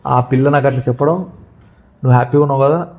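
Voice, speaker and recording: Young man, earnest and heartfelt, quick speech, dark muffled sound. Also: mid-range voice, fairly even intonation, faint music behind. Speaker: interviewee. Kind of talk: emotional interview. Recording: dull lo-fi sound.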